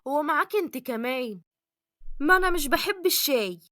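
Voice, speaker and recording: A woman's voice: high-pitched, expressive, moderate pace, pushed and bright, no room sound, studio quality. A woman doing a sulky Egyptian girl. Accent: Egyptian Arabic. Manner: sulky, talks back. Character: stubborn young woman, sulky and defiant.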